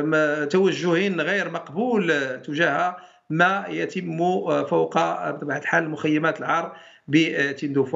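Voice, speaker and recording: A man, a law professor, argues emphatically in a TV debate, firing rhetorical questions. His voice is gravelly and he talks fast. The audio is dull and lo-fi. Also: a little high, fairly bright tone. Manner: declamatory, many fillers and repeated rhetorical questions. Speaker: professor of international law, TV guest.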